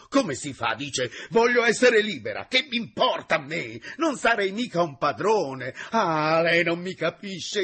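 A man voicing an impassioned, lovestruck male secretary who pleads in an agitated voice that rises almost to shouting. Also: high-pitched, husky, voice pushed up, full character voice.

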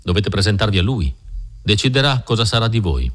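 A man's voice: on the low side, sing-song, brisk, a bit bright. A man voicing an earnest, devout pioneer escort in an audiobook reading.

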